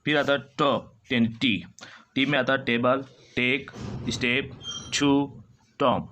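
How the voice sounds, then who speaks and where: A man teaching a phonetics lesson, reading out example words slowly and with drawn-out care. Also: mid-range voice, steady tone, fairly bright tone, slight background noise. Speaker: English teacher.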